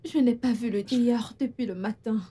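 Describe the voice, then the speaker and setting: A woman's voice: fairly high pitch, moderate pace, mellow, husky. A woman dubbing a film in French as a young invalid woman who pleads for help and is hurt by her partner's coldness. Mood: pleading. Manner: pleading, plaintive. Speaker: dub actor.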